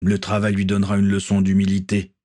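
A calm, commanding ship captain, as a male narrator gives him voice. The delivery stays measured and firm, close to the reader's own low register. A husky breathiness runs through it. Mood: gentle.

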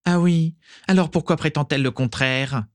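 A man's voice: fairly high pitch, normal speed, no room sound, clean studio sound, voice pushed up, lightly acted. A man voicing a malicious teenage schoolboy bully who taunts with a sneer in an audiobook reading. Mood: taunting. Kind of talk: audiobook character voice.

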